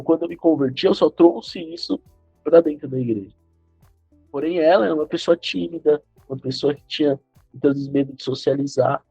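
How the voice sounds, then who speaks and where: Brazilian male podcast guest, dark husky voice, measured and reflective, dull lo-fi recording. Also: on the high side, no echo. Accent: Brazilian Portuguese. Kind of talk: casual podcast chat. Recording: dull lo-fi sound.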